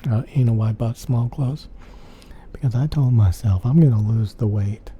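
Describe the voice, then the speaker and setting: A soft-spoken man rambling casually in an ASMR chat, often repeating himself. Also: mid-range voice, moderate pace, lo-fi sound. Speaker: ASMR channel host. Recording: clear background noise.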